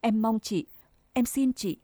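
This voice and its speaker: A woman's voice: on the high side, slow pace, mellow, dry recording. A woman voicing a young unmarried village woman who pleads humbly and tearfully. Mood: pleading.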